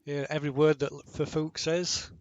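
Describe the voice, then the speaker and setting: A man's voice: a little high, flat delivery, normal speed, dry recording, highs cut off. A man running a tabletop game as game master, talking in a hesitant way with many restarts.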